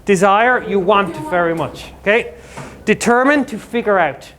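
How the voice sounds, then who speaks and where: A male English teacher in a school classroom, explaining words to students with quick, jokey everyday examples. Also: high voice, fairly bright tone, slight background noise.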